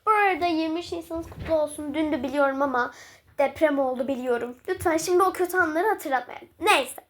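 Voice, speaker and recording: A woman hosting her gaming channel, talking fast and excitedly while she plays, with frequent giggles. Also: sits high, a little hiss or hum. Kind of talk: casual game commentary.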